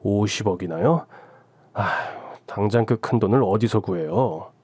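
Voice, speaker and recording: A man's voice: lowish voice, unhurried, darkish tone, breathy edge, no room sound. A man voicing an evasive young husband who keeps placating his wife in a radio drama. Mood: hesitant. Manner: placating, wheedling.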